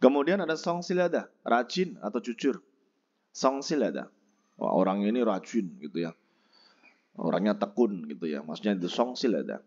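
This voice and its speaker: A man teaching a Korean textbook lesson, explaining pronunciation and slowly repeating each word for practice. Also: lowish voice, lively intonation, darkish tone, lo-fi sound.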